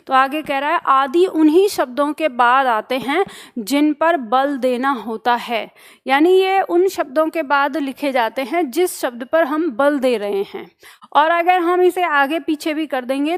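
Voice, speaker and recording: A woman with a high voice teaches a grammar lesson in a patient, step-by-step way. She asks the class a question, then answers it herself, and reads each example sentence slowly and carefully.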